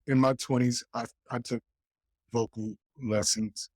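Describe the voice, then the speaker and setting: Interviewer, male, remote on a video call, halting and restarting, dry close sound. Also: medium pitch, level tone, no room sound. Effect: heard over a video call, dropping out at times. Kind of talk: casual conversation.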